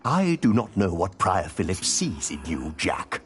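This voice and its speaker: A man's voice: low-pitched, sing-song, measured pace. An actor playing a stern, haughty male prior who lectures his monks condescendingly, in video game voice acting. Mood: lecturing.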